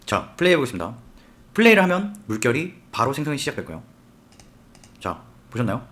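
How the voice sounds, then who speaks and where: A man teaching a software tutorial step by step, often asking the viewer questions as he works. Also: mid-range voice, very animated, fast. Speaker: software instructor. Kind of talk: screen-recorded tutorial.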